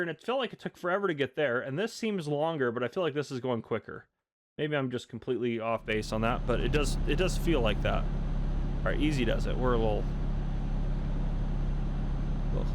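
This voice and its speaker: Chatty man narrating his truck game. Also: mid-range voice. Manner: chatty, self-deprecating, thinks aloud. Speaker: gaming channel host. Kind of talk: casual gameplay commentary.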